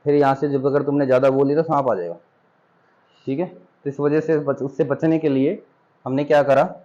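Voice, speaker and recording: A man's voice: medium pitch, steady tone, normal speed, dark tone, dull audio. A man teaching English grammar to students in a classroom, patient and explaining step by step. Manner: patient, addresses students as beta.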